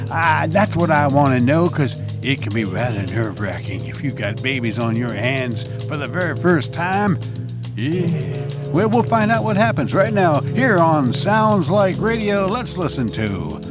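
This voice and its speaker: A folksy man presents vintage radio shows in a chatty style. He takes his time, with a pitch that moves around a lot, and music plays clearly behind him. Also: very animated, a little slow. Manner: folksy, chatty, addresses listeners as friends. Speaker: radio show host. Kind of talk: casual presenting of old-time radio programmes.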